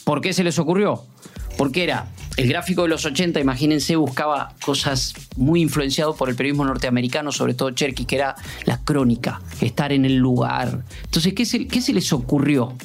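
An Argentine man in his fifties spins anecdotes as a podcast guest. He keeps his pitch in a middling range and answers his own rhetorical questions with animation. Soft music plays faintly underneath. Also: a little fast, vocal fry. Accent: Argentine Rioplatense Spanish. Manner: animated, uses rhetorical questions and acts out quoted dialogue. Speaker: guest, sports journalist. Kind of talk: conversational storytelling in a podcast interview.

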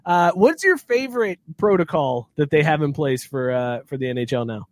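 A man's voice: a little high, animated, normal speed, a little hiss or hum. A man hosting a casual sports podcast, joking and laughing often as he leads the topics. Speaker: podcast host.

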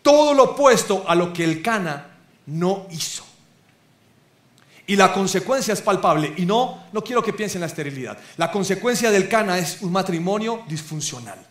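A high-pitched man preaches a lively, humorous sermon to his congregation, tossing questions at the listeners. His voice rings through an echoey church hall. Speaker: pastor.

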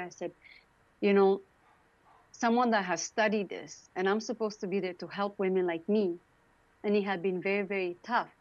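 A woman's voice: medium pitch, no room sound, dull audio. A middle-aged woman with a Romanian accent telling her own story conversationally as an interview guest, earnest and emphatic, repeating phrases for stress. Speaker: interview guest, founder and CEO.

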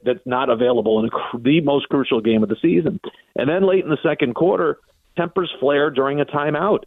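Over a dry, narrow-band line that sounds like a phone, with no echo, an American man with a mid-range voice talks as a guest on sports radio. He's a sports broadcaster being interviewed, and he recounts events conversationally and at great length.

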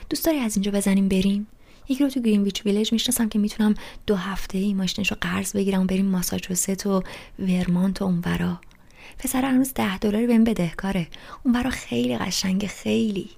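A woman voicing a restless teenage boy who rants loudly about everything in an audiobook reading. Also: medium pitch, fairly even intonation, creaky. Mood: pleading. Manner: loud, rushed, ranting complaints.

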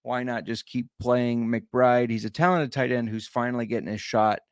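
A man's voice: medium pitch, fairly even intonation, normal speed, clear, resonant tone, no room sound, studio quality. A man co-hosting a casual fantasy football podcast, easygoing and often correcting himself as he reads listener questions. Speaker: podcast co-host.

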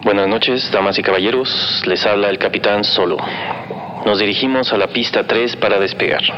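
A man playing a calm, courteous airline captain, giving formal cabin announcements in an audio drama. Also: fairly low pitch, normal speed, muffled recording, background noise, lightly acted.

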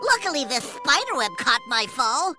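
Tiny shrunken male cartoon duck, very high squeaky voice, wildly swooping, hapless and dramatic, loud score behind. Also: big pitch swings, moderate pace, over loud music. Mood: panicked. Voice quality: squeaky, sped-up miniature voice. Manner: dramatic, exclaiming self-narration.

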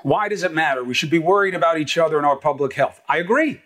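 Middle-aged male anchor, fiery sarcastic monologue, lively pitch, slightly high voice. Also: fast talker, background noise. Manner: emphatic, sarcastic, punchy. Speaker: news anchor. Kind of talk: opinion commentary.

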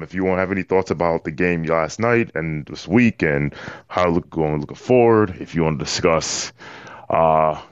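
Male sports podcast host, low register, thinking aloud haltingly, dry and unechoed. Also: clean tone, no echo, highs cut off. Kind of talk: casual sports talk.

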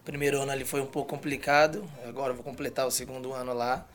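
Casual Brazilian man, mid-pitched voice. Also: fairly even intonation, fast, fairly bright tone. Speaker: guest, professional footballer. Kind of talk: casual chat.

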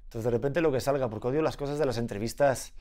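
A man hosting a podcast, relaxed and slangy, laughing often. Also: mid-range voice, quick pace. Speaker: podcast host. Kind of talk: casual interview chat.

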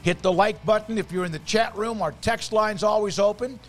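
A man hosting a sports talk show, speaking off the cuff with halting pauses. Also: sits high. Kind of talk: unscripted show opening talk.

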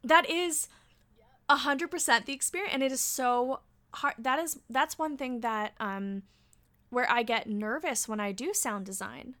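Bright, animated woman in her thirties. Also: high voice, measured pace. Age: 30s. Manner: animated, laughs often, swears freely. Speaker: podcast guest. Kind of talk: casual chat.

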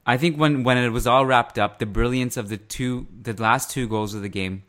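Hosting a sports podcast, a man talks things over casually and deliberately, stopping partway through phrases as he sorts out his thoughts. His voice runs on the low side, smooth and a bit bright.

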